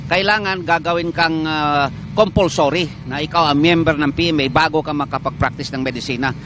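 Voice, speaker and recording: A man with a Filipino accent, a doctor guest on a morning TV show, explaining in a measured way with many "ah" fillers. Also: on the high side, background noise. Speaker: doctor of a medical association, guest. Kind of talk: morning TV interview.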